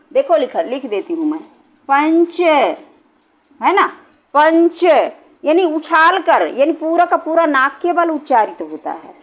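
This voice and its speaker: A middle-aged woman teaching Hindi grammar in a classroom style, repeating points and often checking that students follow. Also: high voice. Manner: repetitive, checks understanding with "है ना".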